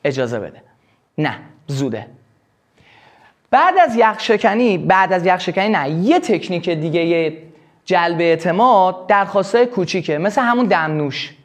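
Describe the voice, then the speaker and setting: High-voiced man teaching sales. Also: animated. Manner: explains with quick acted examples. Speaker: sales trainer. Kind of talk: live workshop lesson.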